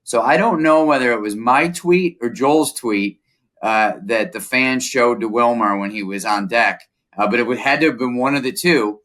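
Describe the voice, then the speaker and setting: A male reporter, a guest in a casual chat, recounting events in a measured, explanatory way. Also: medium pitch, fairly bright tone.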